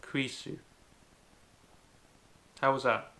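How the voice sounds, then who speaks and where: Male tutorial host, gravelly creaky voice, careful step-by-step delivery. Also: medium pitch, steady tone, drawn-out words, bright, forceful tone. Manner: careful, step-by-step explaining with frequent "so". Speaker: language video host. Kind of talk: home-made tutorial.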